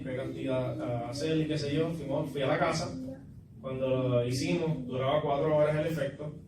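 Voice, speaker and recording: A young man giving a church testimony, halting and repeating his words as he tells his story. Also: a little high. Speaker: testimony giver. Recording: echoey room, distant mic, noisy.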